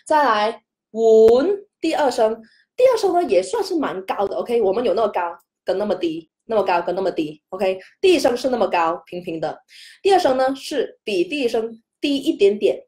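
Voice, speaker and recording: Woman, chatty language teacher, stretched-out syllables, level and sliding tones, mid-pitched voice. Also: lively intonation, fairly quick, darkish tone. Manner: draws out single syllables to show rising and falling tones; chatty, peppers talk with "OK". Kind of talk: casual spoken lesson.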